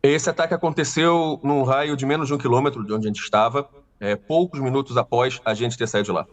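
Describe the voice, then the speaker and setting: A man with a carioca accent from Rio, a tour guide speaking in a remote news interview with many hesitant pauses. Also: mid-range voice, fairly even intonation, recorded from a distance. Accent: Carioca Brazilian Portuguese. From Rio de Janeiro, Brazil.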